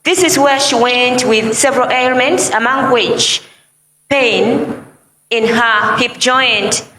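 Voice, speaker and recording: Woman, formal church commentary, high voice, crowd noise. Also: slow. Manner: formal, reads documents aloud. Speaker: church announcer. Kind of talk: live event commentary. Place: large church hall. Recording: echoey church hall, noisy.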